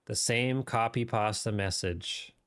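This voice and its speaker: A man's voice: on the low side, measured pace, a bit bright. A man streaming a game live, chatting casually and riffing off the cuff in a rambling way. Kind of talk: casual livestream chat while gaming.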